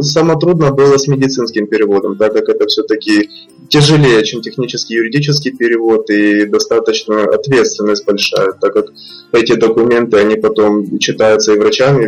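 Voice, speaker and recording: A freelance translator, a man with a fairly low voice, answers podcast interview questions in a measured, explanatory way, using fillers and restarting his sentences. The audio quality is poor.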